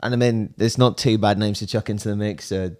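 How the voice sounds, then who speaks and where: A man co-hosting a music reaction video, chatting casually, slangy and quick to laugh. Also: on the low side, steady tone, darkish tone. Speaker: music reaction channel co-host.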